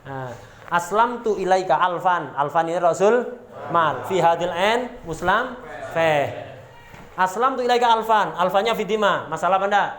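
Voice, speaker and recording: A man's voice: high-pitched, animated, normal speed, a bit bright, reverberant. A man with a Javanese accent teaching a religious text, reading Arabic terms aloud, explaining them and throwing questions at his students. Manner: reads Arabic terms then explains them, asks rhetorical questions, jokes. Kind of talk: pesantren kitab lesson.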